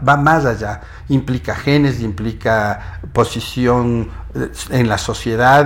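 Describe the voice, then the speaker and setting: A man appearing as a geneticist guest on a TV interview, giving earnest, step-by-step explanations. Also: medium pitch.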